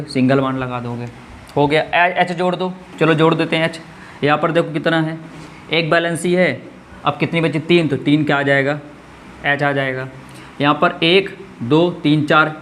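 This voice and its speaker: Male chemistry tutor, slightly high voice, asks and answers his own questions, faint noise behind. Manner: asks students questions and answers them himself; counts out steps one by one. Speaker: chemistry teacher. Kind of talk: classroom lesson at a board.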